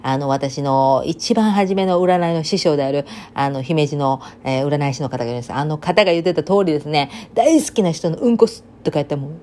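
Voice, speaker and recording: A woman with a Kansai Banshu dialect accent, chatting through a casual solo monologue with lively storytelling and sudden dialect outbursts. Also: sits low, brisk, hardly any pauses, a little hiss or hum. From Kansai region of Japan. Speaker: vlogger.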